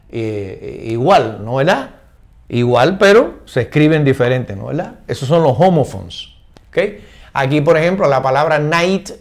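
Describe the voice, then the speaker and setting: An older man explaining English words in Spanish, patient and repetitive, slowing down to read English examples and often checking understanding. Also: fairly high pitch. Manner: reads English examples slowly and deliberately. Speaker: English teacher.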